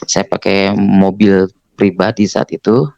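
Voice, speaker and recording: Gravelly man telling his testimony. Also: sits low, flat delivery, a little slow, darkish tone, no echo, dull audio. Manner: earnest storyteller, acts out the dialogue himself. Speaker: former preacher giving testimony. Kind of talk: spoken testimony in a conversation.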